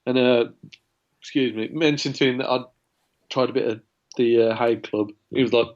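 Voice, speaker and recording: A man's voice: mid-range voice, fairly even intonation, moderate pace, highs cut off. A man with an English accent, a rock singer guesting on a podcast, talking dryly and swearing casually over a video call. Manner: dry, wry, swears casually. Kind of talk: casual chat over drinks.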